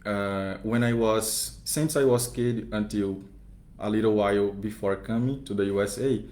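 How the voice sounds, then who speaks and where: A man's voice: on the low side, steady tone, moderate pace, darkish tone. A man in his twenties with a Brazilian Portuguese accent, a seminarian guest speaking careful, hesitant, polite English. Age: 20s. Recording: echoey parish room.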